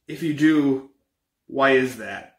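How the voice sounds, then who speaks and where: A young man playing an uneasy paranormal investigator in a found footage horror film, talking in a halting, casual, improvised way. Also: mid-range voice, lightly acted. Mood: uneasy, matter-of-fact. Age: young adult. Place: indoors, bedroom and kitchen. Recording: echoey room, amateur camera audio.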